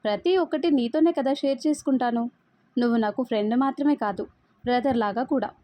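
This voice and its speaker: A woman's voice: fairly high pitch, brisk, dark tone, no echo, lightly acted. A woman voicing a young man who jokes with his best friend in a storybook reading. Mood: bantering. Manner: chatty, banter-filled. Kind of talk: storybook read-aloud.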